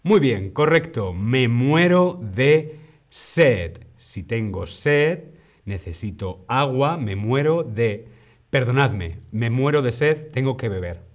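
A male teacher leads a live online lesson at an unhurried pace, in a mid-range voice. He stretches out each example phrase slowly for the learners, then breaks into lively exclamations. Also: medium pitch. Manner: slow, drawn-out model phrases, lively exclamations. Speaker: Spanish teacher.

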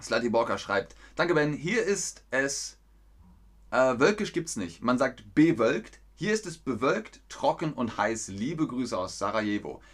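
A man from teaching in a live-stream lesson, speaking slowly and clearly, reading viewers' chat aloud and correcting them. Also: medium pitch, expressive.

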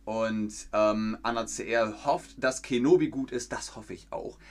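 A man's voice: lowish voice, unhurried. A man chatting casually on a live stream, reading viewer comments aloud with many hesitant fillers. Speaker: streamer hosting a fan quiz.

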